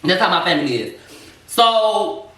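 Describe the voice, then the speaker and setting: A young man casually telling a personal story while cooking at home, getting animated and jumping up in pitch when he quotes people. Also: unhurried. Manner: animated, jumps up high when quoting people. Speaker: co-host. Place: home kitchen. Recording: echoey room, mic at a distance, faint noise.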